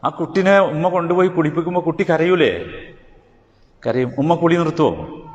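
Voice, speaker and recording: Man, sermon, rhetorical questions, higher-pitched, long hall echo. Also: expressive, normal speed, dull audio. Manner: rhetorical questions, rising to emphatic highs and dropping low. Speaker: preacher. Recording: hall reverb with faint ambient noise.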